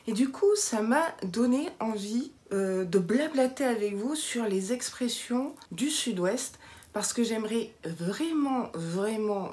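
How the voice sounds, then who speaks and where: A young woman from southwest France, with a light southwestern French accent, chatting playfully to camera as a vlogger. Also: mid-range voice. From southwest France (Béarn). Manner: chatty, playful, lively asides. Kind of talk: casual chat to camera.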